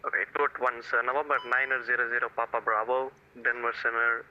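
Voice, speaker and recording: A man's voice: medium pitch, flat delivery, fast. A man working as an air traffic controller, giving clipped procedural instructions over the radio. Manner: clipped aviation phrases. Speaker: air traffic controller in online flight simulation. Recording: band-limited, tinny radio channel.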